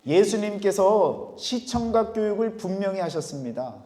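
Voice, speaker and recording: Korean pastor preaching in an echoing hall. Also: male voice, lively intonation, normal speed. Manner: swings between loud emphatic peaks and quiet low endings. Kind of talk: sermon. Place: church sanctuary. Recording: echoey church hall with long reverb.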